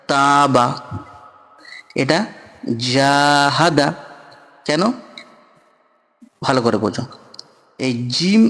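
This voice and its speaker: A man's voice: on the high side, a bit bright. Patient man teaching Quran reading, echoey. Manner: patient, repeats syllables and asks "understand?". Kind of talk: step-by-step recitation lesson. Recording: long echoing reverb.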